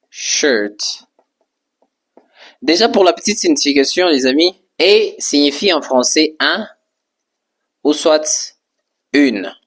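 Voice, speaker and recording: A man teaching English in French at a board, repeating and spelling out each word patiently, often pausing with hesitations. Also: a little high. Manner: slow, patient, repeats words and spells them out; frequent hesitations with "euh". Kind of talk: French-language English lesson at a whiteboard.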